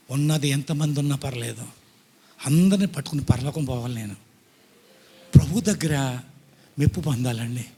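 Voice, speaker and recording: High-voiced pastor preaching in a reverberant hall. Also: male voice, husky. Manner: pleading and emphatic, swinging between loud bursts and soft asides. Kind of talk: sermon.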